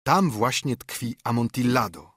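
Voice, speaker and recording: A man's voice: medium pitch, lively intonation, measured pace, fairly bright tone, slightly rough, no room sound, studio quality. A man voicing a vengeful, scheming nobleman in an audiobook, with a pointed, raised delivery. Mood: sly.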